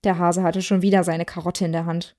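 Woman calmly reading a story. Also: on the low side, a little fast. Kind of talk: scripted story narration.

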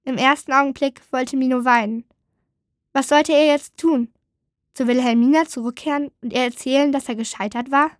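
A woman narrating a children's storybook in a gentle, calm way. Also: a little high, no room sound, studio quality. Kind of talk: storybook reading.

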